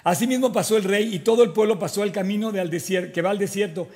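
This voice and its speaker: A man preaching a sermon, reading scripture and retelling it in an animated storytelling way with asides. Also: sits high, quick pace. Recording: long hall reverb.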